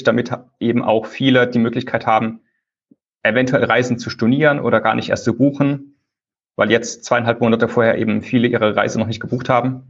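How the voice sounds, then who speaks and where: A man being interviewed over a low-quality phone call, explaining things at length in a loose, conversational way. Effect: low-quality phone call recording. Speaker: conference lead organizer, interview guest. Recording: dull lo-fi phone call audio.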